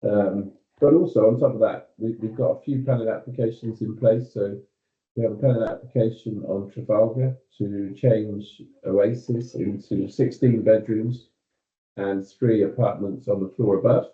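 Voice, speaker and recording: A low-voiced British man speaks over a video call, and his voice comes through dull and roomy. He is a company executive giving staff an update, steady and measured, and he pads his points with ums and you-knows.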